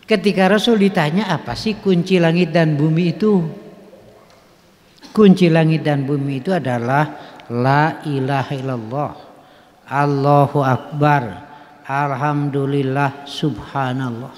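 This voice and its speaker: The sermon comes from a man speaking with a Sundanese accent, his voice on the high side, darkish, and fairly even in intonation at a measured pace. Folksy in manner, he chuckles, uses regional phrases, and asks the audience questions, all echoing through a mosque hall's long reverb.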